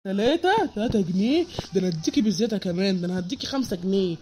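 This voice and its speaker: A man's voice: high voice, animated, rapid-fire, dark tone, slight background noise. A performer voicing a stingy, panicky Egyptian husband and father, with an Egyptian accent and dramatic wailing. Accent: Egyptian Arabic. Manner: penny-pinching, dramatic wailing.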